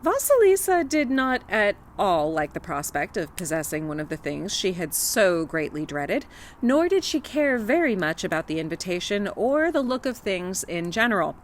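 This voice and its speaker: Woman storyteller, folktale read-aloud, expressive, animated pitch, mid-range voice. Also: normal speed, slight background noise. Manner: expressive, dramatic reading.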